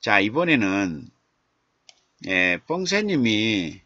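Slow-talking older man hosting a livestream. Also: fairly low pitch, big pitch swings, sharp tone, no echo. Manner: slow, musing, reads a viewer's lines aloud and questions them. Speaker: livestream host and literature professor. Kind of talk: live-stream chat, greeting viewers and editing a poem. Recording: dull lo-fi stream audio, dry.

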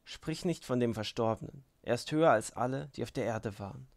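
Man doing a gentle young monk getting worked up, earnest, gravelly. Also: mid-range voice, brisk, close to an everyday voice. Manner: earnest, pleading. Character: young male novice, gentle but impassioned.

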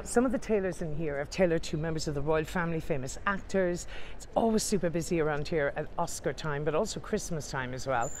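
On city streets outdoors, a female tour guide narrates a walking tour to a handheld camera, calling viewers ladies and gents in an upbeat, chatty way. Her voice sits a little low, with faint traffic humming behind her.

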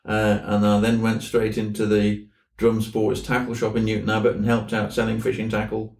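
A man in his seventies from southwest England, a fly fishing instructor, reminisces as the guest in an interview inside a tackle shop. His deep-ish voice is unhurried, a little mellow and mostly monotone, like a raconteur taking his time. The room is echoey and the mic sits slightly distant, giving a roomy sound.

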